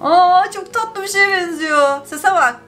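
A young woman hosting a gaming channel, doing excitable let's play commentary and reading game text aloud. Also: very high voice, slow pace, soft background music.

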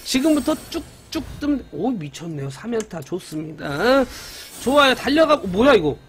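Lively high-voiced male game streamer. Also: normal speed. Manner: excited, banters with viewers, mock-cursing. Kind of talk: live game commentary with chat.

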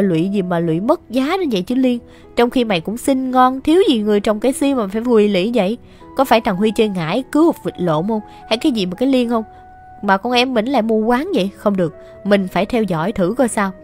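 Female radio storyteller; chatty, gossipy, exasperated, slightly high voice over faint music. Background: soft music.

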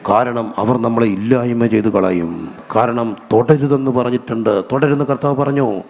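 A man's voice: medium pitch, moderate pace, vocal fry, darkish tone, big-room sound. A man with a Malayali accent preaching a sermon as pastor, asking his congregation questions and answering them himself, stretching out key words. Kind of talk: sermon with call-and-response questions. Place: church hall.

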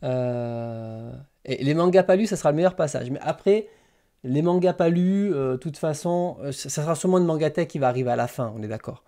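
Man, livestream host, mellow tone, slightly high voice, rambling casual chat. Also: expressive, fairly quick. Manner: rambling, thinking aloud with many fillers. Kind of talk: casual live chat with viewers.

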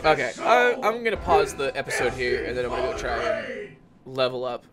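A man's voice: medium pitch, very animated, fairly quick, raised voice, over a noisy crowd. Man muttering through a boss fight. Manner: swears and yelps when hit. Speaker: let's play gamer. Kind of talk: casual gameplay commentary. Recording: game music behind voice. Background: game music.

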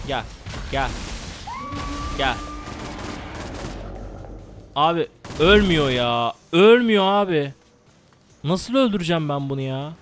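A young man commenting live on his own gameplay, excitable and swearing, yelling at the game. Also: mid-range voice. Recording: game music behind the voice. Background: game music and gunfire.

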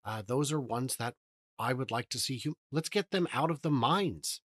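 A man's voice: medium pitch, animated, normal speed, a bit bright, no room sound, clean studio sound. A man in his thirties, a guest on a video-call interview, speaking eagerly and upbeat into a headset. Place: indoor room.

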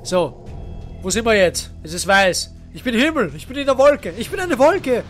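With faint music in the background, a let's play host speaks at a moderate pace in an extremely high voice with an Austrian German accent. His commentary is excitable and joking, full of swearing and frightened yelps at the action.

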